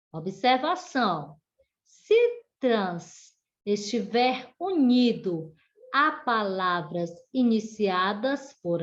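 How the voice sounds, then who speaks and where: A woman teacher with a Brazilian Portuguese accent, giving an online class to children and dictating word by word. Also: a little high. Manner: slow, deliberate word-by-word dictation. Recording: dull lo-fi home video audio.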